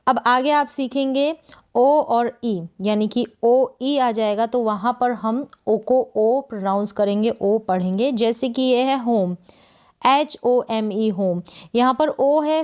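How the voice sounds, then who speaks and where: A woman from India teaching English pronunciation in Hindi, spelling words out letter by letter and repeating them slowly with question prompts. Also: fairly high pitch, darkish tone, clean tone. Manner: slow, drilling repetition with "what is it?" prompts.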